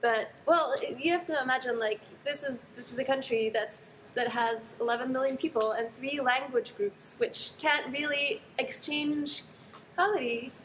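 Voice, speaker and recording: A woman's voice: high voice, fairly even intonation, moderate pace, slight background noise, poor audio. A young woman from Belgium whose first language is Dutch, speaking fluently and thoughtfully as an interview guest. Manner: thoughtful, fluent, laughs softly. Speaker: guest improviser. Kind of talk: casual interview.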